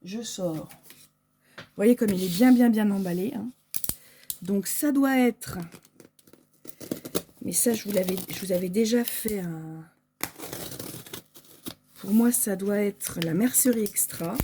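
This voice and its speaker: A woman's voice: mid-range voice, slow pace, pauses often, dark tone, a little hiss or hum. A French woman chatting casually through an unboxing, hesitant and full of fillers, with packaging crinkling behind her. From France. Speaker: sewing shop owner.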